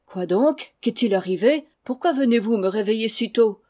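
A woman's voice: a little high, expressive, normal speed, warm tone. Woman doing a skeptical old lord. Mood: doubtful. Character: skeptical older male lord of the manor.

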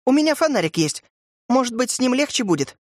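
A man's voice: fast, dry recording, clean studio sound, exaggerated voice. A man voicing a cold vengeful widow. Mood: calm. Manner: calm, then shrill and hissing. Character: cold vengeful widow, woman, middle-aged. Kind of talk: audiobook character voice.

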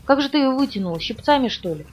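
Edward, a cool ironic male vampire, calm and guarded, read by a woman, fast delivery, distant mic, faint music behind, audiobook. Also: sits high, voice pushed up. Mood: mocking. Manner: calm and guarded, with dry irony.

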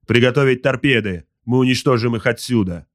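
A man's voice: mid-range voice, brisk, no room sound, clean studio sound, close to an everyday voice. A man voicing an arrogant, wrathful space marine captain in an audiobook, barking orders. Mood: commanding. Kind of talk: audiobook character voice.

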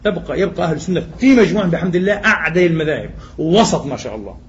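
A man's voice: fairly high pitch, lively intonation, racing, a little hiss or hum. A man preaching a Friday sermon in a mosque, impassioned and slipping from formal into colloquial phrases. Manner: impassioned, rising to exclamations; mixes formal Arabic with colloquial Levantine phrases. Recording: dull lo-fi MP3 sermon recording.

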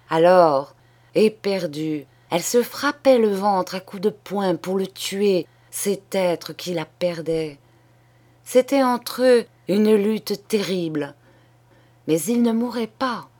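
A woman reading a short story aloud in a measured, deliberate audiobook style. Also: lowish voice, darkish tone. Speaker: reader.

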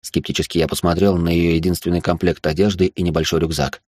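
A man narrating a first-person audiobook in a steady, matter-of-fact way. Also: deep voice, quick pace, no echo.

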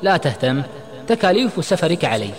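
A man voicing a hot-tempered young man who shouts in alarm, his voice rising sharply, in a storybook reading with long reverb. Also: a little high, big pitch swings, brisk, soft background music, voice pushed up. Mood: pleading.

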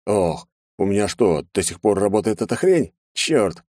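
A sneering, theatrical villain, put on by a male narrator taunts a crowd of hostages. The voice sits higher than the narrator's deep natural tone and swings between loud mockery and drawled asides. The recording is close and dry. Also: sing-song, normal speed, dry recording. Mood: mocking. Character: gloating masked male terrorist leader.

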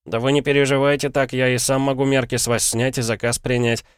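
A man voicing an eager, nervous shop boy of about sixteen who chatters quickly and anxiously. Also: mid-range voice, little pitch movement, clear, resonant tone, dry recording, clean studio sound, voice pushed up, lightly acted.

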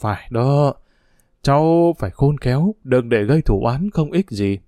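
A man's voice: medium pitch, expressive, unhurried, mellow, no echo, natural voice. A man voicing a worried, proper older aunt in a storybook reading. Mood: calm. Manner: anxious, fretful questioning.

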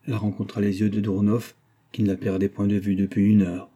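Husky dark-voiced male narrator. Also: lowish voice, level tone, a little fast. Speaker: audiobook narrator. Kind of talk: scripted narration of a classic novel.

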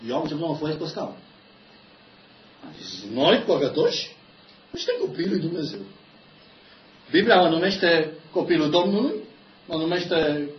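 A man preaching a sermon, telling stories about himself with animated, self-mocking humor. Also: fairly high pitch, a little hiss or hum. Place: church meeting room. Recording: echoey church hall, dull lo-fi sound.

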